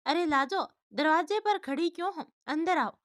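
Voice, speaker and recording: A woman's voice: very high-pitched, normal speed, a bit bright, dry recording, voice pushed up. A woman doing a friendly young husband. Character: young husband, warm, easygoing.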